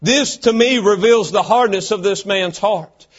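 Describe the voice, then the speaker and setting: A man's voice: sits high, measured pace, husky. A man preaching a sermon, with an emphatic, repetitive cadence. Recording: dull lo-fi recording.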